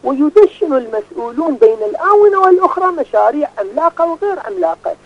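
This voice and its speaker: A man's voice: extremely high pitch, big pitch swings, quick pace. A man speaking as a phone-in caller over a phone line, delivering a formal, prepared-sounding statement. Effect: heard over a phone line.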